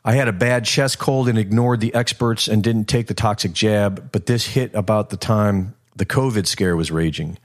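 A man hosting a casual solo podcast, reading out listener comments in a rambling, relaxed way with many ums and restarts. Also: on the low side, moderate pace, hardly any pauses. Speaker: podcast host.

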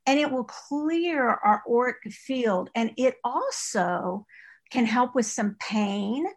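Brief: East Texas woman, podcast guest, talkative and meandering, voice on the higher side. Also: animated, slow pace. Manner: chatty and rambling, with many restarts and laughs. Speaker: podcast guest, author and crystal store owner. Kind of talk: casual interview chat.

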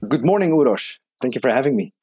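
A Dutch entrepreneur in his thirties, a native Dutch speaker with a Dutch accent, answers conversationally as a podcast guest. His mid-range voice is fast and dark-toned with lively intonation, and faint music plays behind him.

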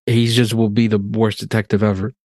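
Laid-back low-voiced man, profane banter. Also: little pitch movement, brisk, darkish tone, no room sound. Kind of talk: casual chat.

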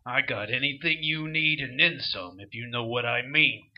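An actor playing a small, lecherous demon shopkeeper with a gravelly voice and sarcastic wise-guy talk in a comic fantasy audio drama. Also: medium pitch, normal speed, lo-fi sound, natural voice. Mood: leering, flirty. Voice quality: raspy, gravelly.

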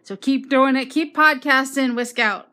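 A woman's voice: sits high, a little slow, bright, forceful tone. A woman leaving a bubbly, encouraging voice message for a podcaster. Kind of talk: recorded voice message.

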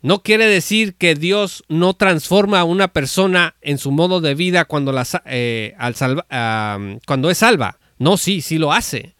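High-voiced man teaching the Bible. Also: unhurried, few pauses, a bit bright, clean tone, no echo, studio quality. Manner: conversational preaching, retelling Scripture with fillers and restarts. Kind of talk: informal teaching talk on an audio space.

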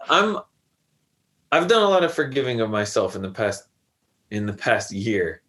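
A man's voice: on the low side, a bit bright. A man in his thirties, a podcast guest, talking reflectively in a loose, rambling way full of fillers. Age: 30s. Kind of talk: casual conversation.

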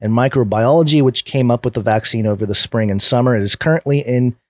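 A man's voice: mid-range voice, fast talker, a little mellow, no echo, studio quality. A man co-hosting a casual podcast, reading news items aloud and laughing often. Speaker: podcast co-host. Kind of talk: casual political chat.

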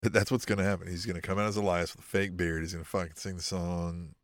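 Low-voiced cursing podcast host. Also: male voice, level tone, fast, dry recording, clean studio sound. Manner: profane, rambling, sardonic. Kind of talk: casual chat.

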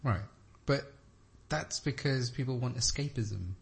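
A man's voice: mid-range voice, a little slow, vocal fry, slightly rough. A man co-hosting a podcast in casual chat, teasing his partner and pushing the talk along. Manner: teasing and pushy, drives the conversation. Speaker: podcast co-host.

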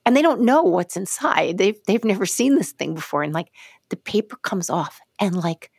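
A woman's voice: medium pitch, moderate pace, creaky, breathy edge, no echo, clean studio sound. A woman co-hosting a podcast, chatting casually and telling stories, acting out the voices of people she quotes. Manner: animated storyteller, acts out quoted speech. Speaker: podcast co-host. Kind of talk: casual conversation.

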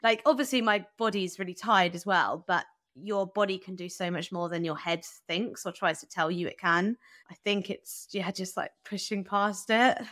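A woman's voice: mid-range voice, moderate pace, fairly bright tone, dry recording, clean studio sound. A young adult woman, a guest runner in a casual podcast interview, chatty and full of "like" and "um". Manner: chatty, lots of "like" and "um", laughs easily.

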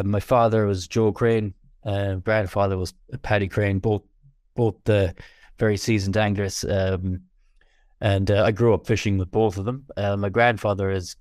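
A man with a west of Ireland accent chatting casually in an interview, halting and repeating words as he thinks. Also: on the low side, a little mellow, no echo, studio quality. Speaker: fly fishing guest.

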